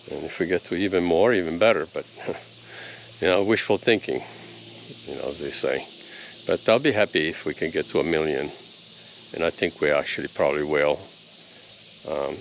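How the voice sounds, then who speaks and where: A man in his fifties, originally from Italy, talks to the camera outdoors on his rural land, holding the phone out at arm's length. His voice sits deep and low, and he rambles in an easygoing way with plenty of ums. A little outdoor hiss sits under the sound. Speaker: homesteading vlogger. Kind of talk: casual vlog talk to camera.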